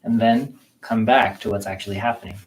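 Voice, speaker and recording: A man teaching a qigong self-massage class, guiding listeners slowly and gently through the practice. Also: on the low side, rough recording. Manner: slow, calm, gentle guiding talk. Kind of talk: guided self-massage instruction.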